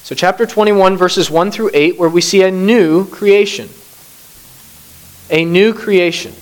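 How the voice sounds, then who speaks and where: A middle-aged pastor who grew up in Bangladesh preaches a sermon with scripture reading and prayer, earnest and rising to emphasis. His voice is high-pitched and unhurried, captured in a low-quality recording.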